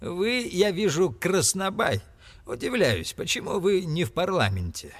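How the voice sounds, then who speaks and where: A harsh, scornful old miser, as a male audiobook reader puts him on, mocks and scolds in a raised voice that swings widely in pitch. He sounds stingy and bitter, cutting each reply short. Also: wildly swooping pitch, a little slow, slightly rough, heavily acted. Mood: scolding. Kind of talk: audiobook character reading.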